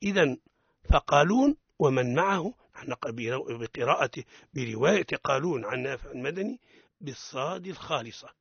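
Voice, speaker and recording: A man's voice: medium pitch, expressive, brisk, gravelly, breathy edge, no echo, muffled recording. A man with a Tunisian Arabic accent teaching Quran recitation on a radio lesson, correcting pronunciation by repeating syllables with emphasis.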